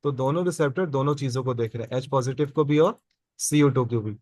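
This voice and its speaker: A man's voice: mid-range voice, a little fast, a little mellow, no echo. A man teaching biology in a classroom, asking his students questions and answering them himself, and repeating the key terms. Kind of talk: classroom lecture.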